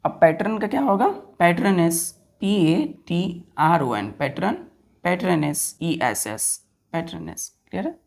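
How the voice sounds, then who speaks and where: A woman teaching grammar to students, spelling words out letter by letter, repeating each answer and checking that they follow. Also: low-pitched. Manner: keeps checking if students understood.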